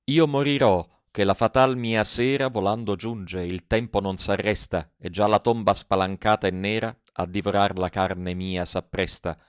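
Male reciter, low resonant voice, dramatic verse reading, dull lo-fi sound. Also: steady tone, clean tone, no room sound. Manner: declaiming, with slow solemn pauses. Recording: dull lo-fi recording.

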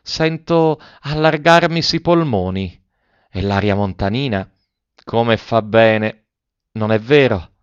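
A man's voice: lowish voice, slow pace, clean tone, no room sound, muffled recording. A man reading aloud and voicing a cheerful, shy young woman with a playful, eager manner. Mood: gleeful, sweet.

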